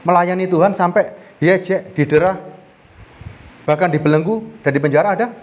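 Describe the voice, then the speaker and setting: High-voiced preacher quizzing his audience. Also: moderate pace. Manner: questions the audience, rises to emphasis. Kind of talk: interactive sermon.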